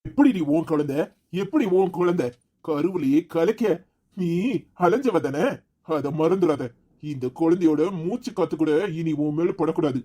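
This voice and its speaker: A man's voice: fairly high pitch, expressive, normal speed, warm tone. An actor playing a protective father in a family drama, speaking firmly and emphatically. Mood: angry. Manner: firm, emphatic delivery. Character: protective young father, stern then gentle. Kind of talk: TV serial acting.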